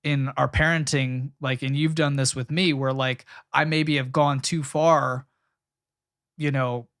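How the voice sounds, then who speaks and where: A man's voice: medium pitch, level tone, measured pace, fairly bright tone, no room sound, studio quality. A young man co-hosting a podcast, giving earnest, emphatic advice on marriage and parenting. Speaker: podcast co-host. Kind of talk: casual chat about marriage and parenting.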